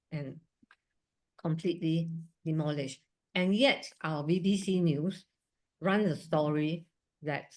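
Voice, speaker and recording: The recording is low quality, capturing a low, somewhat mellow female voice over a video call. The speaker, a surgeon from Singapore in her sixties, addresses a museum event as a guest, earnest in tone with occasional chatty digressions.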